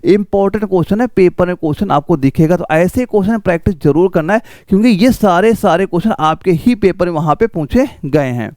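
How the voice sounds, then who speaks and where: Male math tutor for exam prep, high clear voice, dry close sound, talks each step through with rhetorical questions. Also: expressive, brisk, few pauses, darkish tone, no echo.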